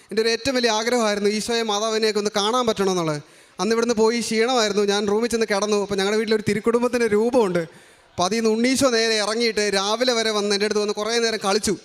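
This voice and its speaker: A young man from Kerala giving an earnest personal faith testimony, framing each remark as a quote. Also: sits high. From Kerala, India. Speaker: testimony giver at a shrine.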